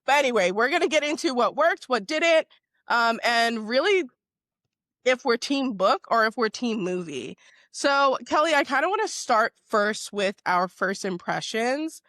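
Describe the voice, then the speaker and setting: A woman's voice: on the high side, lively intonation, moderate pace, a bit bright, no echo, studio quality. Upbeat chatty woman podcast host, lilt. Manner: chatty, filler-heavy, upbeat. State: hoarse, under the weather. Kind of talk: casual podcast chat.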